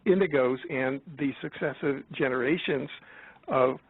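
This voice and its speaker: A man's voice: mid-range voice, breathy edge, no echo. Older man on a tinny phone line. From United States. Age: 70s. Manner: halting, many restarts and fillers. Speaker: guest. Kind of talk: casual chat.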